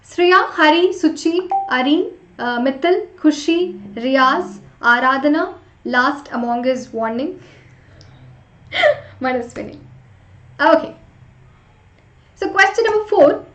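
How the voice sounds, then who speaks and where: A woman's voice: high voice, expressive, takes it slowly, pauses often, a bit bright. A woman teaching an interactive live online class, chatting with students and urging them along with short repeated prompts. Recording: roomy echo, slightly dull sound.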